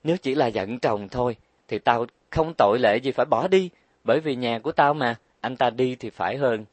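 A man's voice: medium pitch, normal speed, no room sound, lightly acted. A man reading an audiobook, voicing a proud, stubborn young wife who complains and talks back. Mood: complaining. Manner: defiant, complaining.

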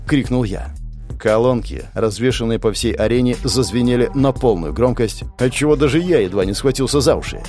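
A man's voice: medium pitch, a little fast, darkish tone, faint music behind. A man giving gritty, intense first-person fantasy audiobook narration, swearing now and then.

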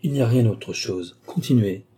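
A man's voice: mid-range voice, moderate pace, breathy edge, natural voice. A tender noble princess read by a man. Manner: tender, calm, reasoning. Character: gentle, compassionate noble princess.

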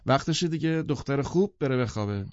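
A man narrating an audiobook who voices an aloof young sportswoman, speaking in a brisk, detached and offhand way. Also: medium pitch, animated, darkish tone, no echo, dull audio, voice pushed up, close to an everyday voice.

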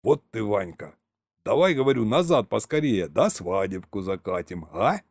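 Reader as a teasing older uncle figure, sly and a bit hesitant. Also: male voice, on the low side, lively intonation, moderate pace, no echo. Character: older uncle, sly grandfather of the hero's girlfriend.

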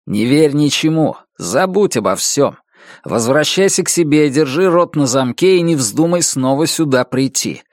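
A man's voice: on the high side, animated, moderate pace, dry recording, close to an everyday voice. A stern young violinist gives clipped, commanding orders, as a man reading the tale voices him. His tone is harsh and gives no ground. The sound is dry and close. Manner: curt, commanding. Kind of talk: audiobook reading.

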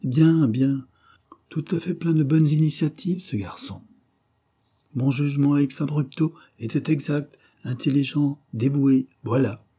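A man's voice: medium pitch, a little slow, warm tone, breathy edge, pitched above the performer's own voice. A man voicing a fussy, sentimental elderly English invalid who repeats himself and hesitates. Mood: approving. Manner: fond of repeating words, hesitant.

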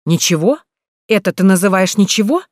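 Reader putting on a stern angry big brother in an audiobook, loud, bossy, dry close sound. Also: mid-range voice, moderate pace, husky, dry recording, lightly acted. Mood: furious. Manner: loud, insistent, scolding. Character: angry older brother, young man, stern and commanding.

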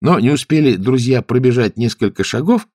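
A man narrating a children's fairy tale in an expressive way, at times hushed. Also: mid-range voice, a little fast, dry recording, clean studio sound. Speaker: storyteller. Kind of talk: storybook narration.

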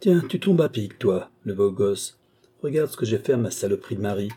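A man's voice: on the low side, lively intonation, fairly quick, mellow, husky. A man reading an audiobook, voicing a bitter village woman who killed her husband, harsh and taunting.

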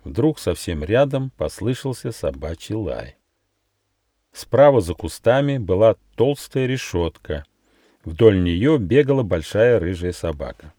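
Lively low-voiced man reading a fairy tale. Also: a little slow, breathy edge, no echo, studio quality. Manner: expressive storytelling. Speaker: author reading his own book. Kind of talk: fairy tale audiobook narration. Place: studio.

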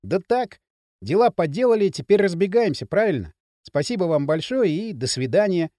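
A man's voice: sits high, big pitch swings, normal speed, mellow, no room sound, clean studio sound. A man voicing a young village lad who speaks in hurt, clipped replies. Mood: hurt, sulky.

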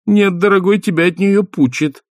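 A haughty former valkyrie, bossy and nagging, corrects her husband in a high, prim falsetto, as a man voices her. She is loud and firm, and the recording is dry and close. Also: normal speed, no echo, lightly acted. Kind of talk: audiobook character voice.

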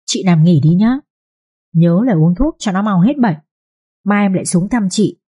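A woman's voice: medium pitch, moderate pace, mellow, breathy edge, lightly acted. A woman voicing a scheming second wife who speaks in a falsely sweet, coaxing voice in an audio story. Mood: commanding.

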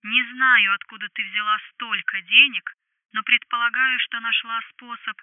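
A woman's voice: a little high, steady tone, moderate pace, no echo. A woman voicing a menacing male debt collector over a tinny phone line, coaxing and cold. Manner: coaxing, then cold and threatening. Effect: phone filter.

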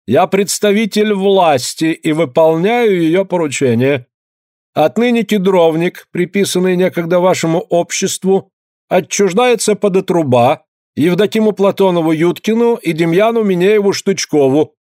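Man reading as pompous official, raised lively voice, dry sound. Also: high-pitched, no echo, voice pushed up. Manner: pompous, declaiming. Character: haughty male official, imperious preacher.

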